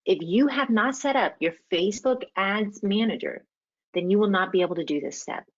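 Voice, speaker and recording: A woman's voice: mid-range voice, lively intonation, moderate pace, dull audio. Emphatic woman coaching a webinar. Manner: emphatic, coaching, repeats key points. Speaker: webinar host. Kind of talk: marketing webinar talk.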